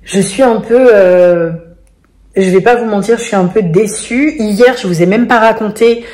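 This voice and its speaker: A woman's voice: mid-range voice, normal speed, a little mellow. A woman telling a family story in a casual vlog, chatty and full of fillers. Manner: chatty, many fillers, acts out quoted voices. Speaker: vlogger, mother of five.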